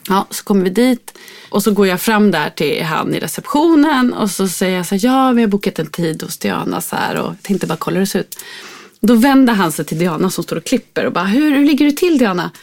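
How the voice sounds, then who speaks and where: A woman's voice: mid-range voice, gravelly. A woman telling a personal story in casual chat, acting out the people in it as she goes. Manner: animated, acts out voices in the story.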